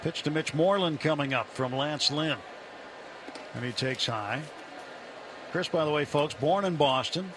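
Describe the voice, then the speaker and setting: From a ballpark broadcast booth, a man with a fairly high pitch handles radio play-by-play, blending live sports commentary with interview chat. Measured short phrases alternate with conversational remarks, over clear outdoor background noise.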